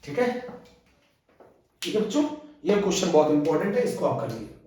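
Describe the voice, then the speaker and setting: Male chemistry teacher with a high voice who drills students with repeated questions, recorded far from the mic in a very echoey room. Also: sing-song, brisk, darkish tone. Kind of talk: classroom lecture.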